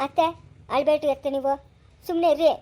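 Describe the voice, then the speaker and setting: A woman with a rural Kannada accent playing a caring village daughter-in-law in an amateur family drama, talking in a soft, soothing, reassuring way. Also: high voice, fairly even intonation, fast, a little hiss or hum, lightly acted. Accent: rural Kannada from the Chikkaballapura area. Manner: soothing, reassuring, softly pleading. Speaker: daughter-in-law comforting her mother-in-law.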